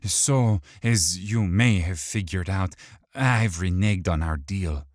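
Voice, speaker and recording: A man's voice: deep voice, no echo, clean studio sound. A man voicing a mocking, wiry little thief. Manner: mocking, sing-song, with drawn-out taunts. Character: wiry, small, taunting male thief with hidden psychotic rage.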